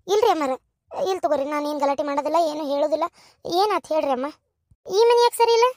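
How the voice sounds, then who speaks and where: A woman voicing a young village wife in a cartoon, speaking softly and hesitantly in a North Karnataka Kannada accent. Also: sits high, expressive, fast, dry recording, clean studio sound. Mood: polite. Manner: soft, quiet, hesitant. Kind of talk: cartoon voice acting.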